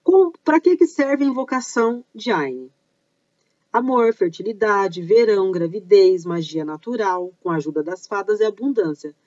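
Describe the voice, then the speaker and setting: A woman's voice: medium pitch, lively intonation, moderate pace, a little mellow, no echo, lo-fi sound. A woman with a Brazilian accent hosting an informal explanatory video, chatty, stopping to explain and correct herself. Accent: Brazilian Portuguese. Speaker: host of a pagan culture channel.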